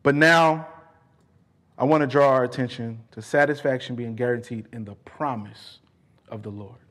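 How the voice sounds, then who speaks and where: A man preaching a sermon, fervent and emphatic, repeating key phrases for weight and moving between quieter earnest asides and raised declarations. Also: medium pitch, moderate pace. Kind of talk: sermon with scripture exposition.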